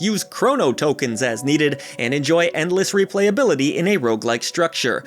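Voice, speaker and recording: Male host, upbeat and jokey, lively voice with lots of pitch movement, slightly high, music bed underneath. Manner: upbeat and jokey, with playful asides. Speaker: gaming channel host. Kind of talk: scripted game-release roundup narration. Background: background music.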